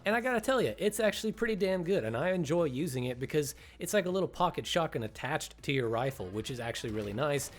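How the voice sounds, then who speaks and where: A man's voice: fairly high pitch, expressive, fast talker, few pauses. A young man with a congested voice, chatting enthusiastically as host of a gaming video about shotgun damage. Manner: enthusiastic, chatty, laughs at how fun the weapon is. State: congested after illness. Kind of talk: casual game commentary.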